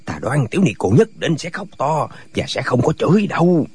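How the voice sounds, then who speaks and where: In a radio drama, one man voices a gang of foolish male martial hermits locked in endless, circular bickering, each line picking at the one before. His husky, fairly high voice rises and falls in lively swings at a moderate pace. The performance is heavily acted, with no echo.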